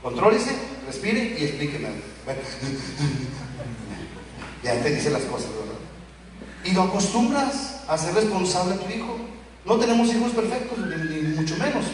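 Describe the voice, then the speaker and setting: High-voiced Mexican pastor preaching in an echoey hall. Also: male voice, unhurried. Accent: Mexican Spanish. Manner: animated, acts out quoted voices of children and parents. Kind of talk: sermon. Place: church hall. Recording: echoey hall, speaker far from the mic, faint ambient noise.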